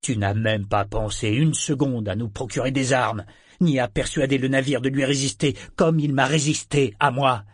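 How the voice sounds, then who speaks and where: A man voicing a bitter, domineering father, loud and contemptuous in his anger. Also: mid-range voice, moderate pace, slightly rough, no echo, studio quality, natural voice. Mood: raging. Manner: contemptuous, scornful, shouting in rage. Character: bitter domineering father, furious sea captain.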